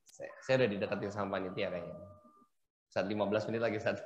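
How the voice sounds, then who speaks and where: A man teaching Quran recitation rules to a class of women, patiently prompting them and demonstrating slow, drawn-out recitation. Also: on the low side, steady tone, dull audio, a little hiss or hum. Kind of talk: tajwid lesson for women. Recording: echoey room.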